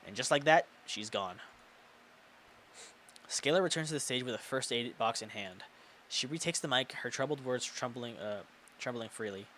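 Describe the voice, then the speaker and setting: A man's voice: medium pitch, moderate pace, pauses often, a bit bright, slight background noise. A man reading a visual novel aloud as he plays, stumbling and correcting himself now and then. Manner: reads with self-corrections and muttered swearing. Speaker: game player narrating.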